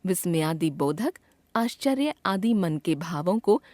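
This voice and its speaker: Woman teacher doing a scripted grammar lesson, clear and expressive, bouncy voice, dry close mic. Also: lowish voice, measured pace, no echo. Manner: clear, expressive, acts out example sentences. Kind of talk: scripted educational narration.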